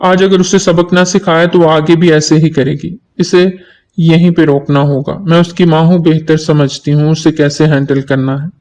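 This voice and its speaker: A man's voice: on the high side, little pitch movement, moderate pace, darkish tone, lightly acted. A man voicing a stern middle-aged mother who scolds firmly in a story reading. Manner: firm, scolding tone.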